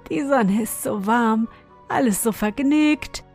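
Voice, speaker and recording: A woman's voice: fairly high pitch, slow, darkish tone, soft background music. A woman doing a dreamy, cheerful caterpillar.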